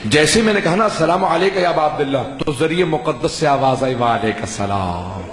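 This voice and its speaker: A man delivering an impassioned sermon to a gathering, telling a story with drawn-out, emphatic phrases. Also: a little high, fairly even intonation. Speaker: Shia majlis orator. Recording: echoey hall with faint noise.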